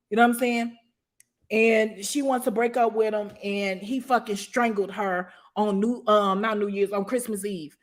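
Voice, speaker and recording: A woman telling a story in a loose, profane way, laughing often and asking "you know what I'm saying.". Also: on the high side. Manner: profane, animated, frequent laughter. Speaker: guest storyteller. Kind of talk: casual storytelling.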